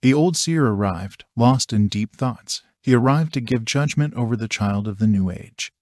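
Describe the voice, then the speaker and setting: A man reads an audiobook in a measured, even manner. His voice is mid-range, and the studio sound is clean with no echo.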